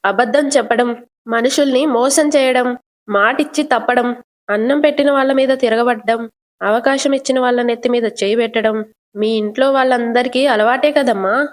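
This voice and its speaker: A woman's voice: on the high side, steady tone, moderate pace, natural voice. Woman voicing a scornful older aunt. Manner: taunting, accusing, scornful. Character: sharp-tongued scolding older aunt, woman.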